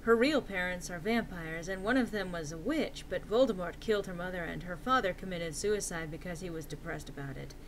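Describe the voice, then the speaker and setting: A woman's voice: lowish voice, brisk, hardly any pauses, a little hiss or hum, poor audio. A woman giving a dramatic reading of fan fiction with the theatrical delivery of a hammy stage actor. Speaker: reader.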